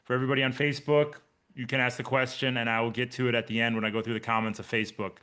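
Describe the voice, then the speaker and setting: Casual 40s coach guy on a video call, upbeat and chatty, bright forceful voice. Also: medium pitch, flat delivery, very fast, clear, resonant tone. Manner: upbeat, chatty, addresses listeners by name. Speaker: triathlon coach and podcast host. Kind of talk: casual live call with team.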